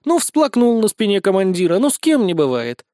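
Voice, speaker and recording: A man's voice: sits high, big pitch swings, brisk, a little mellow, dry recording, clean studio sound, voice pushed up. A man voicing a tiny blonde young woman who teases with a smirk. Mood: teasing. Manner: teasing, smirking.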